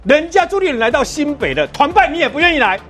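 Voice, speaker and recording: A man with a Taiwanese accent commenting on politics on a talk show, animated and scolding, firing rhetorical questions. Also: very high voice, fast talker, soft background music.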